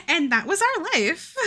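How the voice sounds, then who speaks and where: With an extremely high-pitched, sharp voice, a young Southern US woman chats casually on a live stream as she draws. She rambles, swears and laughs often.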